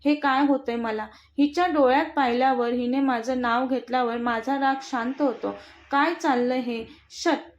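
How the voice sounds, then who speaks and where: Brief: a woman reading a cocky young husband, mocking and bossy, high voice, dull lo-fi sound. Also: fairly even intonation, moderate pace, a little hiss or hum, lightly acted. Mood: puzzled. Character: brash teasing young husband. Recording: dull lo-fi recording.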